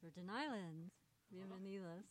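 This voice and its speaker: Slow-talking woman radio host. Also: mid-range voice. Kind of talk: casual radio interview.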